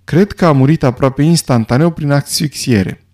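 A man's voice: fairly high pitch, darkish tone, close to an everyday voice. A man voicing a grave male doctor who speaks with a trace of uncertainty.

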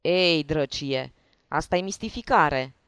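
A narrator voicing a startled young clerk who shouts roughly in an audiobook reading. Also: medium pitch, very animated, no room sound, clean studio sound, pitched above the performer's own voice, natural voice. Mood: shouting.

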